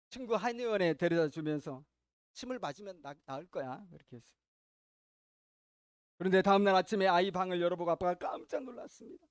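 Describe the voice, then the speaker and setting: A man preaching a sermon as pastor, telling a story with sharp swings between loud and quiet and asking the congregation questions. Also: sits high, clean tone, no echo, clean studio sound.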